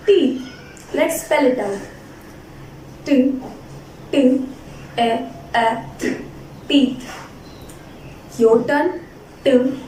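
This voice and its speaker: A woman gives a children's phonics lesson in a high voice at a very unhurried pace. She sounds words out carefully and prompts repetition. The recording is echoey and a little distant from the mic. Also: warm tone. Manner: deliberate spelled-out enunciation, sounding words out for repetition. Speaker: phonics teacher. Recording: roomy echo, distant mic, faint noise.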